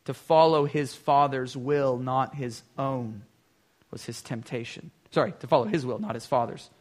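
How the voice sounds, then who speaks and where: A man preaching a sermon as pastor. He builds emphasis, slows down for scripture readings and often repeats a word as he starts a thought. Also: mid-range voice, a little mellow.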